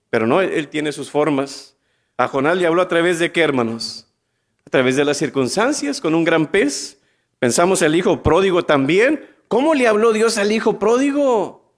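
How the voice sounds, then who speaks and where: A man preaching a sermon, asking his congregation questions and quickly acting out biblical dialogue in different voices. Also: fairly high pitch, creaky.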